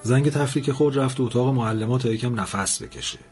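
A man's voice: mid-range voice, loud music behind the voice. A man telling a story aloud, narrating and voicing the people in it. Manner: lively storyteller, voices the characters in dialogue. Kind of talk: storytelling narration with character voices.

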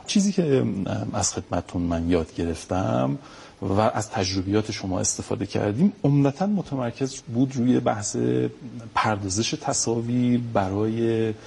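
A man's voice: on the low side, animated, gravelly, warm tone, slight background noise. A man hosting an interview, asking questions in a very courteous, deferential, formal way. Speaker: interview host.

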